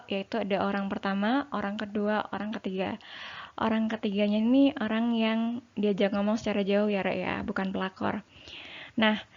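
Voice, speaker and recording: A woman's voice: medium pitch, darkish tone. A woman teacher, explaining a lesson to her students in a casual, chatty way, full of fillers and rhetorical questions. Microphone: home recording for an online lesson. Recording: slightly dull lo-fi sound.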